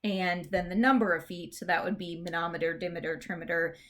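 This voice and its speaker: Casting: woman teacher, low-ish voice, chatty lecture style, plenty of "um"s. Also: fairly even intonation, brisk, fairly bright tone. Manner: chatty, explains step by step with many fillers. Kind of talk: classroom lecture.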